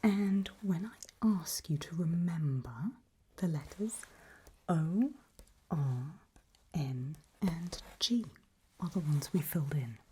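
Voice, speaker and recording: Very soft, low speech and a breathy whisper carry this woman's ASMR portrayal of a reassuring doctor running a creepy memory test. She keeps things calm, gentle, unhurried, patient and encouraging, with a slight hiss or hum in the background.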